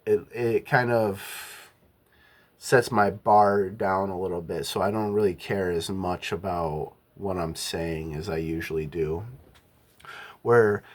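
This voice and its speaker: A young man with a notably low voice speaks in a relaxed personal monologue. He thinks out loud, stops, restarts and corrects himself mid-sentence, as if working out his views as he goes. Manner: halting, self-correcting, musing aloud. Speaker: vlogger. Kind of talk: casual reflective monologue.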